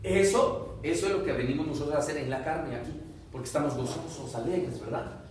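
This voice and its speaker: A man's voice: fairly high pitch, brisk, a little hiss or hum. Spanish-speaking man preaching in an echoey room. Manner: preaching with sudden loud exclamations, then quiet and soft in prayer. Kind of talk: sermon and closing prayer. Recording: very echoey room, voice far from the mic.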